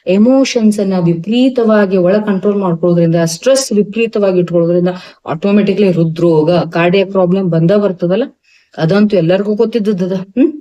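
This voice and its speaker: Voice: mid-range voice, brisk, warm tone, highs cut off. An Ayurvedic doctor with a North Karnataka Kannada accent gives a health talk to camera. The doctor speaks emphatically, asks rhetorical questions and mixes in English medical terms.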